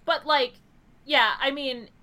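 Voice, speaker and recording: Bright-voiced woman theorizing casually. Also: high-pitched, slow. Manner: thinks aloud, theorizing with many "like" fillers. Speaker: podcast co-host. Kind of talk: casual chat about a TV episode.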